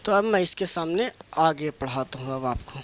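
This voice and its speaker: A man's voice: on the high side, expressive, normal speed, fairly bright tone, a little hiss or hum. A man teaching English grammar for exam students, asking questions and answering them himself, mixing English phrases into his talk. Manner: asks a question and answers it himself, drilling terms; mixes English phrases into spoken Hindi. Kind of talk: lecturing for competitive exam students.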